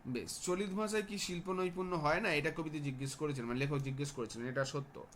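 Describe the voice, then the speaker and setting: A man's voice: a little high, fast talker, fairly bright tone, slight background noise. A man teaching a class, walking students through exam answers and often checking that they follow.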